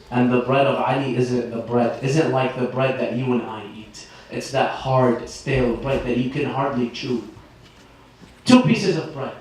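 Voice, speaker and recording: Impassioned man preaching in an echoey hall. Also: fairly high pitch. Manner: impassioned, wide swings between soft and emphatic. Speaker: religious speaker. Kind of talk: sermon. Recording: echoey, distant hall mic with faint noise.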